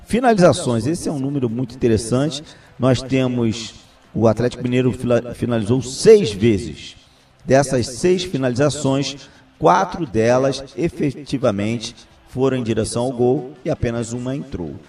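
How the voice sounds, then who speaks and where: A Brazilian man comments on a football match in a dark, relaxed voice of medium pitch. His delivery is halting, and he sounds away from the microphone with music in the background. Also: far from the mic.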